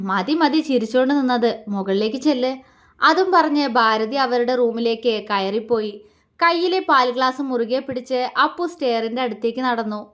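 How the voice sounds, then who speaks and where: Woman storyteller, high voice, calm even reading of a love story. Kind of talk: scripted narration.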